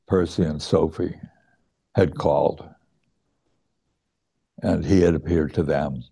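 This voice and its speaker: A middle-aged man slowly telling a personal story, reflective and hesitant, pausing and restarting his words. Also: low-pitched, vocal fry, mellow, breathy edge. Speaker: student recounting his teacher's death.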